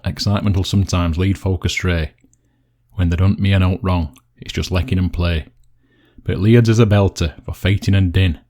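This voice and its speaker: A man's voice: low-pitched, darkish tone. A man with a West Yorkshire accent presenting and reciting dialect poetry.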